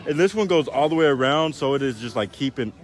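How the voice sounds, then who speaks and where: A man's voice: mid-range voice, expressive, quick pace. A man live-streaming outdoors on a city street at night, chatting casually in a rambling, joking way with plenty of fillers. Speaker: livestreamer.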